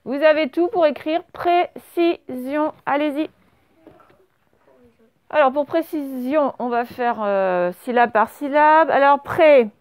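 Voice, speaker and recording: A woman teaching primary school speaks slowly in a high voice as she dictates to her class, spelling each word letter by letter. She questions the pupils and praises their answers, and the recording is dry.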